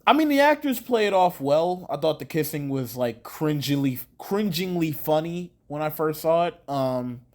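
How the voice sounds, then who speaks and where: A man's voice: a little high, animated, normal speed, few pauses, a little mellow. A man talking through his thoughts on a show in a casual, rambling way, with many fillers and restarts and some casual swearing. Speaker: show reviewer. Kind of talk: casual video review.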